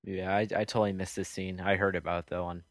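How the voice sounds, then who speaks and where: A man's voice: deep voice, level tone, fast. A man co-hosting a podcast, joking around and chiming in with questions and theories. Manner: joking, chimes in with quips and questions. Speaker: podcast co-host. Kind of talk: casual chat.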